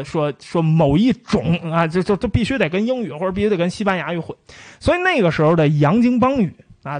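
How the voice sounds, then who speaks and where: A man giving a casual spoken history lecture, telling it in a lively way and playfully imitating old pronunciations. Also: on the high side, no room sound.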